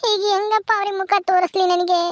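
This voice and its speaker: A woman's voice: extremely high pitch, fairly even intonation, a little fast, a little hiss or hum. A woman acting a distraught young village wife who wails and laments in a sobbing voice, speaking. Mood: tearful. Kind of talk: village family drama.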